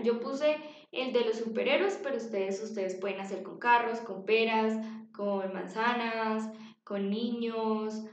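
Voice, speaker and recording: A woman teacher gives a slow, patient lesson to young children. Her voice sits a little high. The recording is dull and echoey, as in a bare room at home. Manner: slow, patient, repeats words for children to copy. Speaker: English teacher.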